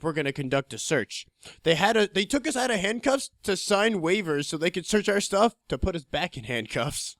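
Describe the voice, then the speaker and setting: A young man from New Jersey casually telling a story on a podcast, acting out officers in a lower, quieter voice. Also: no room sound, studio quality. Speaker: podcast co-host.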